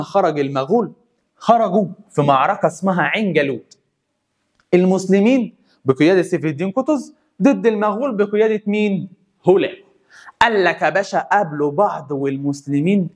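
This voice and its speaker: A young man with an Egyptian Arabic accent teaching a history lesson, telling it as a lively story and repeating key points. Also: sits high, brisk. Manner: animated storyteller, repeats points and chants rhyming memory lines. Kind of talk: energetic classroom history lesson.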